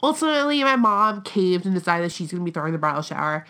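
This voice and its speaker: A young American woman co-hosting a podcast in casual chat, talking bluntly with vocal fry, plenty of swearing and frequent "like". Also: on the low side, sing-song, fast talker, pushed and bright. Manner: blunt, profane, peppered with "like". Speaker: podcast co-host.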